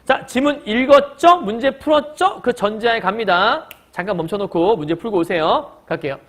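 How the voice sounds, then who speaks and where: A male teacher records a lesson with a bright, high voice that leaps up and down as he talks. He keeps checking in with his students through quick questions and answers them himself. Now and then he acts out a short quoted line in a sharper, raised voice. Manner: lively, explains by asking the class and answering. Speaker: Korean language teacher. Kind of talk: recorded online lecture.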